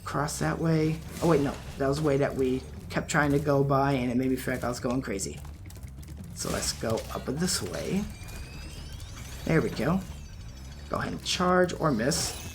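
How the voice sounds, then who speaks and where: A man giving relaxed, chatty commentary while playing a video game, his voice wearing out. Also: mid-range voice, normal speed, a little hiss or hum. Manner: relaxed, chatty, laughs at his own mistakes. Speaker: let's play gamer. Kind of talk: casual gameplay commentary.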